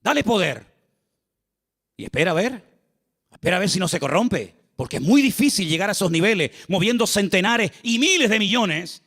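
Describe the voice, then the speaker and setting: A middle-aged man preaches a sermon from the pulpit. His voice sits high for a man. He is animated, acts out the voices of the people in his story, and turns to the congregation with questions. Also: moderate pace, big-room sound. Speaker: pastor.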